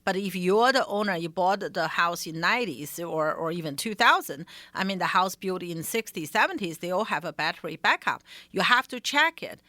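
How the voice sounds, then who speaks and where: A woman's voice: fairly low pitch, expressive, fairly quick, hardly any pauses, pushed and bright, no echo. A woman with a Chinese accent co-hosting a radio show, who speaks emphatically and repeats her main points. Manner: emphatic, repeats key points, non-native grammar. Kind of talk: casual radio talk. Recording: dry studio sound.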